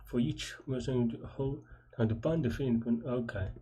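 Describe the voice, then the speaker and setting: Over faint noise and the sound of keyboard typing and clicks, a male programmer host live-solves a puzzle, casually thinking out loud in muttered, hesitant bits. His voice is mid-range, mellow and slightly rough, at a moderate pace.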